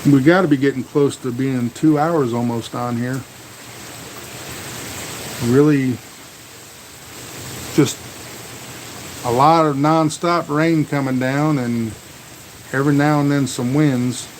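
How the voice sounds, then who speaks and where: A man's voice: mid-range voice, fairly even intonation, takes it slowly, pauses often, slight background noise, low-quality recording. An American man chatting casually on a live stream, rambling in a folksy way and repeating words. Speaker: livestream host. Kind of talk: casual live storm vlog chat. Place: outdoors near a truck in rain.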